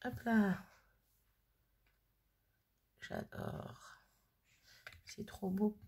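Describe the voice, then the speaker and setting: A woman's voice: on the low side, unhurried, creaky, darkish tone, husky. A woman hosting a casual crafting video who chats and thinks aloud with plenty of fillers. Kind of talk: casual crafting tutorial chat.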